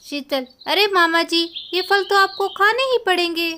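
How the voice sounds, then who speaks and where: Woman as a young daughter-in-law, polite, coaxing, very high bright voice. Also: normal speed, a little hiss or hum. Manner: respectful and coaxing. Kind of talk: storybook voice acting.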